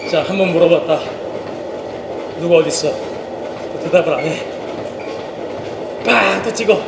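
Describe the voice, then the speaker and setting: While slow running, an actor vlogs to camera about his drama work, casually telling behind-the-scenes stories and acting out quoted dialogue in an animated way. His voice has vocal fry. The recording is echoey and noisy with a rumbling ambience.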